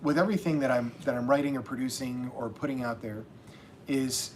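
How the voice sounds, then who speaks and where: A man's voice: medium pitch, brisk, a little mellow, a little hiss or hum. A man hosting a casual livestream as a self-published author, talking in a rambling way with many restarts.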